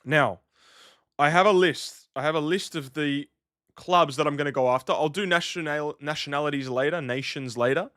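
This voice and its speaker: A man streaming live, half commentating a local football match and half chatting with his viewers, loose and talkative. His voice is smooth and clear, picked up close on a dry mic. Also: fairly high pitch, moderate pace, a bit bright, dry recording. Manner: chatty, loose, reacting to chat and soundboard clips.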